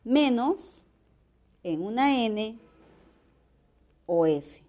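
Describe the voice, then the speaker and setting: A woman with a Peruvian Spanish accent, teaching a grammar lesson in a slow, explanatory way and checking in with rhetorical questions. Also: fairly high pitch, animated, a little mellow.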